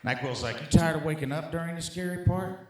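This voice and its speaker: A fast-talking middle-aged American comic with a slightly high voice does profane, conversational stand-up. He addresses the live crowd emphatically as guys and dude, and the room is echoey.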